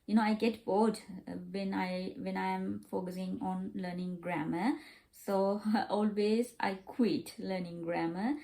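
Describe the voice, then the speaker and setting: A woman whose first language isn't English talks casually in a vlog while learning it as a second language. Her voice is medium-pitched, fairly even, and dark in tone, and she pauses often with fillers and repeats herself.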